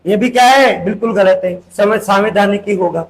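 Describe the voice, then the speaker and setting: A man with a high voice teaches an exam-prep grammar lesson at normal speed, asking questions and answering them himself. He stresses the rules and repeats key words, and the recording is rough.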